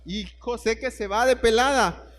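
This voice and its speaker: A man's voice: very high voice, moderate pace, fairly bright tone, in a large hall. A man preaching a sermon, telling the story and putting questions straight to his listeners.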